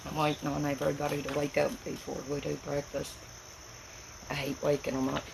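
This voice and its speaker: A woman from Tennessee with a gravelly voice and an Appalachian accent, chatting casually and plainly on a livestream in a folksy, rambling way. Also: sits low, background noise. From Tennessee, United States. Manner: folksy, plain-spoken, rural speech. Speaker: livestream host.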